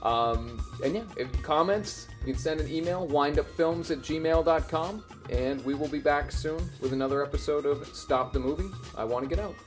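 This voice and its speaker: A man's voice: on the high side, moderate pace, few pauses. Male podcast host, casual review chat, stammers and restarts, faint music under him.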